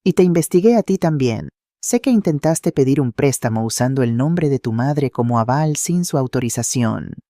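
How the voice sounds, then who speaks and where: A storyteller voicing a wealthy blind husband who speaks low, controlled and quietly dangerous. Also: expressive, moderate pace, few pauses, no echo, clean studio sound, natural voice. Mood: cold. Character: calm, wealthy blind older husband, coldly protective.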